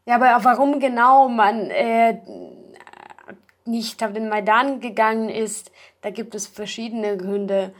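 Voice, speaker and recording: A woman talking thoughtfully about a project in an interview, pausing often with fillers. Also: on the high side, steady tone. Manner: thoughtful, hesitant with many fillers. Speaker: project member. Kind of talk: casual interview talk.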